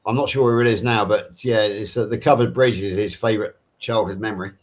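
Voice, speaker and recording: This panel participant, a middle-aged man from Somerset, England, talks quickly in a fairly low, steady voice. His accent is a nondescript Southern English one, and he chats casually on a livestream, answering viewers at length and rephrasing as he goes.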